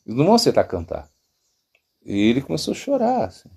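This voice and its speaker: A man's voice: medium pitch, wildly swooping pitch, quick pace, gravelly, mellow, slightly rough. A Brazilian monk giving a sermon, rambling with many fillers and restarts, acting out quoted voices as he tells stories. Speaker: monk teaching devotional yoga. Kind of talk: sermon, spiritual talk.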